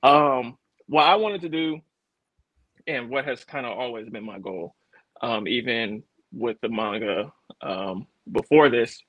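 A man as a podcast guest in casual chat, talking in a thoughtful, hesitant way with many pauses and ums. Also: mid-range voice, dry recording, dull audio. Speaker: podcast guest promoting his clothing brand.

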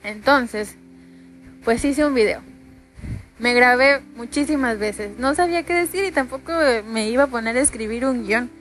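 A woman's voice: a little high, moderate pace, fairly bright tone, faint music behind. A young Mexican woman with a Mexican accent telling a personal story in a casual, chatty way, full of fillers. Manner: chatty, many fillers like pues and ya. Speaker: podcast host.

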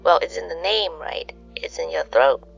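Lady doing sleep story narrator type podcast, croaky fry in her voice, chatty and musing, bit muffled w music under it. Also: fairly low pitch, sing-song, moderate pace. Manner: conversational, musing, asks rhetorical questions. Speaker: host of a relaxation sleep podcast. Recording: dull lo-fi sound, music behind. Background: soft background music.

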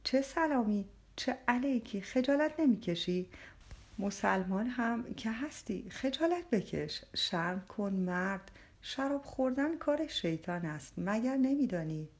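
A woman's voice: on the high side, animated. A woman voicing an angry, pious man in a crowd who scolds a drinker, in a storybook reading. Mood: indignant. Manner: scolding, moralizing.

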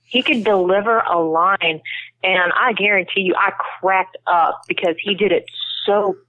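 A woman's voice: mid-range voice, steady tone, a little slow, bright, forceful tone, no echo. A woman co-hosting a podcast, chatting in an easygoing way and laughing readily. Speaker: podcast co-host. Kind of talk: casual chat. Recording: tinny phone line.

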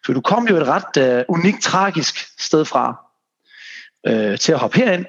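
A man's voice: a little high, big pitch swings, a bit bright, breathy edge. A man hosting a casual podcast as a fitness coach, rambling and restarting his sentences, dropping English phrases. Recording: dull lo-fi sound.

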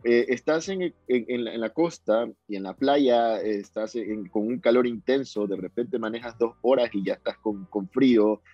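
A young Ecuadorian man with a coastal accent chats as a guest musician in a casual interview, rambling and often repeating or restarting words. His medium-pitched, warm voice moves at a moderate pace with few pauses. The audio is dull and dry, with faint music in the background.

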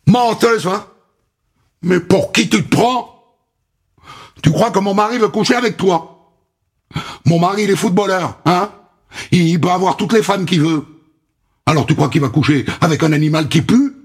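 A man's voice: normal speed, slightly rough. A man voicing a cruel, shrieking foster mother who spits insults. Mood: scornful. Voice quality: shrill, spiteful.

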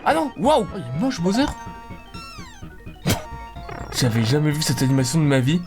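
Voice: medium pitch, very animated, quick pace. A YouTuber doing let's-play commentary, casual and sarcastic, swearing and joking while playing. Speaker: video game YouTuber. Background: game music.

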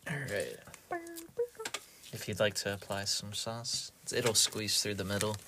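A man's voice: on the low side, fairly even intonation, unhurried. A man in casual vlog chat, speaking in a laid-back, matter-of-fact way while recording inside a small closet at home. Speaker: vlogger. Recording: light background noise.

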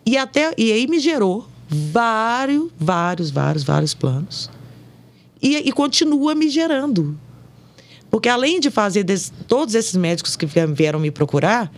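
A woman's voice: fairly high pitch, measured pace. A woman, an insurance broker telling stories in a podcast interview and acting out the dialogue. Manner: animated storytelling, acting out dialogue.

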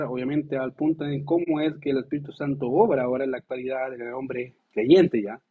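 A pastor delivering a lively, conversational sermon, asking the congregation rhetorical questions and acting out quotes. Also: male voice, fairly high pitch, husky. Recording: tinny phone-like sound.

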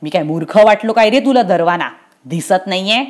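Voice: medium pitch, lively intonation, a little fast, lightly acted. A reader voicing a harried male messenger of death who complains and pleads. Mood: complaining. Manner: complaining, self-pitying. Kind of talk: storytelling play reading.

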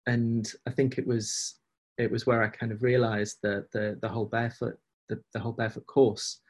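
A man's voice: medium pitch, level tone, normal speed, darkish tone, breathy edge. A man in casual, reflective conversation as an interview guest, speaking hesitantly and often repeating phrases as he goes. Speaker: podcast guest, agile coach.

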